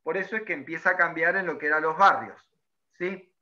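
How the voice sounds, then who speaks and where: A man's voice: a little high, a little fast, bright, forceful tone. Male teacher giving a class lecture, keeps checking in with the students, muffled lo-fi sound. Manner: explanatory, checks in with frequent "¿sí?". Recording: dull lo-fi recording.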